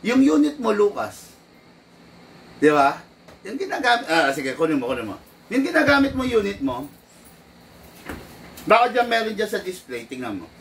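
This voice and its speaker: A man casually hosting a live stream from an airsoft shop, chatty and quick to laugh as he greets viewers. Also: sits high, wildly swooping pitch, vocal fry, fairly bright tone. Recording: distant mic, faint background noise.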